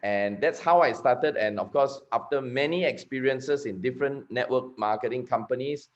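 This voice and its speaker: A man's voice: mid-range voice, moderate pace. Malaysian man giving a chatty talk. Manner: chatty, repeats and restarts words. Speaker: network marketing speaker. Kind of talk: recorded conference talk. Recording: slightly dull lo-fi recording.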